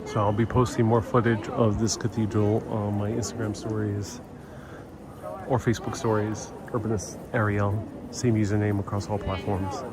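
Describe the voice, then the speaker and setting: With traffic and street sounds in the background, this Puerto Rican New Yorker rambles through a casual outdoor live stream as a travel host, frequently restarting his sentences. His fairly low voice has little pitch movement and a moderate pace.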